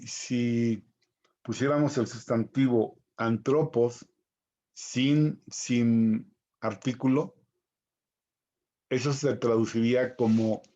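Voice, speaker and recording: A man slowly and carefully spells out each pronunciation in a recorded Greek vocabulary lesson. His voice is medium-pitched with a dark tone, and the audio sounds dull.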